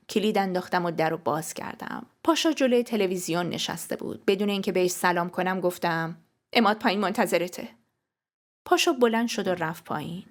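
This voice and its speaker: A woman narrating a first-person novel as an audiobook, telling it in an emotional, intimate way. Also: lowish voice.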